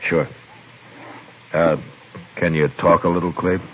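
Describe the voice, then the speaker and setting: A low-voiced frontier marshal, terse, measured and firm. He comes through a noisy, narrow-band old radio western recording. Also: level tone. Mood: calm, grave. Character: steady, laconic Old West lawman, firm and calm. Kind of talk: old-time radio western acting and narration.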